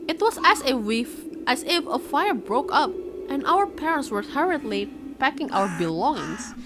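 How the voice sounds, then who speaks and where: A young woman streamer, a native Indonesian speaker, reads a visual novel aloud in a high-pitched voice at a moderate pace. She performs the story dramatically, then stops to react excitedly and say hello to her chat, with game music playing behind her.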